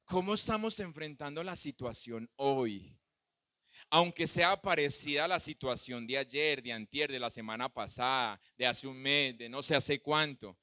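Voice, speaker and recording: A male pastor preaching a sermon with a Colombian Spanish accent, swinging between loud shouts and soft asides. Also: mid-range voice, a little slow, no room sound.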